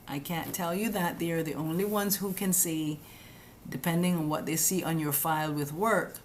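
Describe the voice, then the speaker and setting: Her voice low-pitched, a woman answers comments during a casual live stream about immigration rules, captured by a webcam or phone with slight background noise. She talks to viewers as guys, chatty and direct, with a scolding edge.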